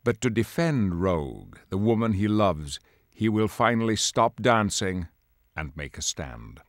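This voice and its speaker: For a video game, a man voices a grave, dignified leader of superhero mutants, giving solemn, portentous narration in a grave, measured mood. His lowish voice swings widely in pitch at a slightly slow pace. The studio-quality recording has no echo, with music underneath.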